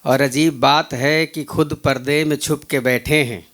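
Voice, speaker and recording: A guest poet with a Hindi accent reciting shayari at an open mic, repeating each line. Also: male voice, a little high, fairly even intonation, unhurried, a bit bright. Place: open mic event venue.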